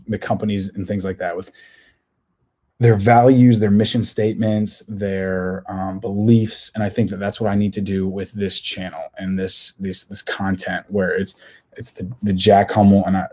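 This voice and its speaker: Low-voiced young man rambling candidly. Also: a little mellow. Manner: candid, rambling, self-questioning. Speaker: podcast host. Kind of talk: casual solo podcast monologue.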